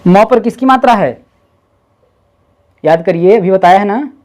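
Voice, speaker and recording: A woman tutoring reading one-on-one, patiently repeating syllables slowly and coaxing her student along. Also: mid-range voice, darkish tone.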